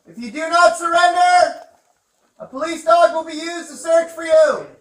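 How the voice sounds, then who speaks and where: Give me a male police K9 officer shouting orders through a megaphone outside a church. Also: very high voice, normal speed. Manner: loud, commanding announcements. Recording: echoey, distant, faint noise.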